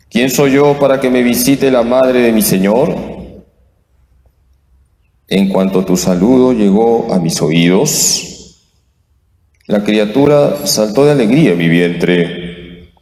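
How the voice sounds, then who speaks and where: A priest with a lowish, darkish voice reads at Mass and gives a homily in a large church. He speaks slowly and deliberately, with chanted responses, and his voice carries from afar through the church's echo.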